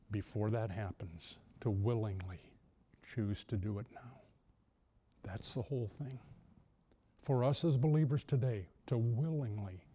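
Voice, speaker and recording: Male preacher with a mellow voice, halting delivery, lifts his pitch for emphasis. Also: slightly rough. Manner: halting, many restarts, rises high for emphasis. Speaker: pastor. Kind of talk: sermon.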